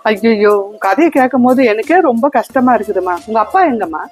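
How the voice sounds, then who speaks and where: A woman playing a quick, soothing kind stranger. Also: on the high side, faint music behind, natural voice. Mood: caring. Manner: soothing, coaxing. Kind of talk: comedy skit acting.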